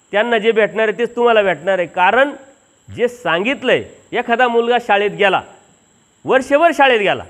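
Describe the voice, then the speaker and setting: High-voiced man preaching at a village satsang. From Maharashtra. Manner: acts out the dialogue of the people in his story, earnest and homely. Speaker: Mahanubhav preacher. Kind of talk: village satsang sermon with storytelling.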